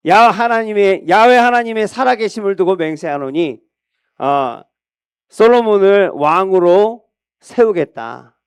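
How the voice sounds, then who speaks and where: A preacher playing a weary old king giving his word with slow solemnity, his voice clear and smooth. The sound is close and dry. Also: high voice, lively intonation, dry recording. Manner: solemn, vow-making. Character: aging frail old king David, solemn.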